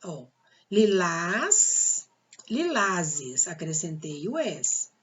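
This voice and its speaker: A woman's voice: fairly low pitch, big pitch swings, drawn-out words. A woman teaching a grammar lesson with a Brazilian Portuguese accent, patiently repeating the rules and asking rhetorical questions.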